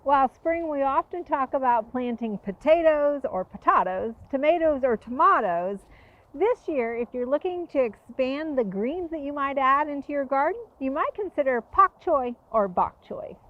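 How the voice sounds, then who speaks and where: A woman's voice: sits high, lively intonation, moderate pace, few pauses, phone-quality sound. A woman hosts a gardening program. She explains each planting step in a friendly, patient way with small fillers. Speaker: gardening show host. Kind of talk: instructional gardening talk and interview.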